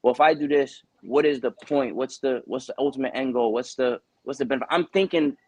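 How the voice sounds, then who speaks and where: A man's voice: mid-range voice, fairly quick, a little mellow, breathy edge. A man in his twenties, a boxer from Connecticut, talking earnestly in a casual interview, rambling with lots of "you know" fillers. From Connecticut, USA.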